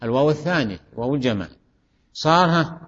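Male teacher, drills students with questions, slightly high voice, dull recording from a classroom. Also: animated, quick pace, a bit bright. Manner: questioning, repeats student answers. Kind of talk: classroom grammar lesson. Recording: dull recording in a reverberant hall.

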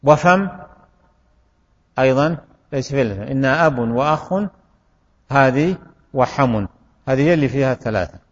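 Male grammar teacher lecturing a class; measured pace, keeps asking the room questions; dull recording with long hall reverb. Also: mid-range voice. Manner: slow, deliberate explanation with frequent questions to students.

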